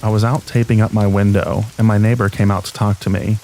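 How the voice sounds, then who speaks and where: Guy with a lowish voice reading scary bedtime stories, calm n steady, rain going in the background. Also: a little fast, slight background noise, poor audio. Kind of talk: scripted horror story narration for sleep. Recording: steady rain sound behind voice. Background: rain ambience.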